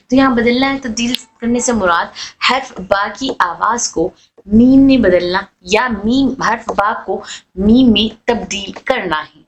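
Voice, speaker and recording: A woman's voice: fairly high pitch, a bit bright, slight background noise, rough recording. A woman teaching a recitation lesson, explaining patiently and repeating and drawing out the example sounds. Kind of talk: online tajweed lesson.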